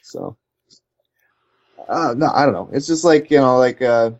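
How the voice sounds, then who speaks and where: Male guest, mid pitch, chatty and rambling, lots of filler words, muffled lo-fi mic. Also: unhurried. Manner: rambling, heavy with "like" and "you know", animated storytelling. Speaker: guest, co-founder of a controller company. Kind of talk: casual interview chat.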